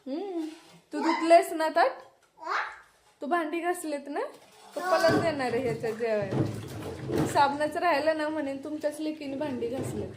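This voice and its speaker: A woman's voice: high-pitched, moderate pace, long pauses, darkish tone, slight background noise. A woman vlogging at home in her kitchen, playfully teasing her little daughter while they do chores. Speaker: mother and vlogger. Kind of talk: casual home vlog chat.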